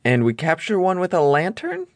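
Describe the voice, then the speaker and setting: A man's voice: on the high side, wildly swooping pitch, normal speed, dry recording, studio quality, voice pushed up. Man doing Smee, a timid trembling pirate. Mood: nervous. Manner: nervous, hesitant questions. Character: timid trembling young male pirate sidekick.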